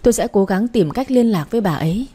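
A man's voice: high-pitched, animated, dark tone, husky. A woman voicing a frightened middle-aged father begging. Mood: pleading. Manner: hurried, begging.

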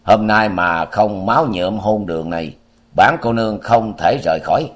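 A man's voice: fairly low pitch, moderate pace, highs cut off, close to an everyday voice. A man voicing a vengeful young swordswoman. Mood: icy, threatening.

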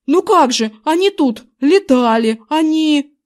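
A woman voicing a panicky middle-aged man in an audiobook, yelling frantically. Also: lively intonation, slow. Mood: frantic. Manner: yelling, frantic, high-strung. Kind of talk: audiobook character voice.

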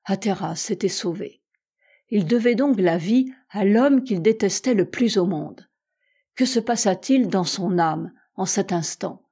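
A woman narrates a classic adventure novel with measured, expressive storytelling. Her voice is mellow and sits at a middle pitch. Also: husky. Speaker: audiobook reader. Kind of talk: scripted narration.

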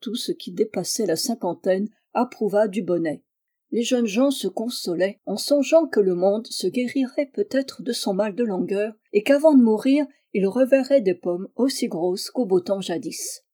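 Mellow woman reading a classic novel. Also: mid-range voice, normal speed. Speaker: audiobook reader.

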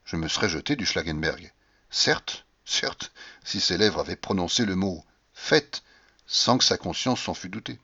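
A man's voice: deep voice, pushed and bright, dry recording, muffled recording. A man giving a dramatic, impassioned reading of a classic novel in the first person, with a feverish delivery. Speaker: audiobook reader.

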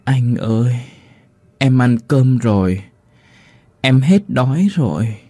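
A man voicing the ghost of a starving little child who pleads slowly and faintly. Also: mid-range voice, animated, mellow, dry recording. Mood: pleading.

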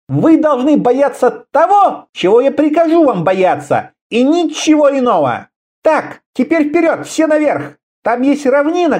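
A man's voice: very high-pitched, pitched above the performer's own voice, heavily acted. A man reading an audiobook, voicing a fierce young female bandit leader who mocks and barks orders. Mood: commanding. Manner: mocking, bossy, shouting orders.

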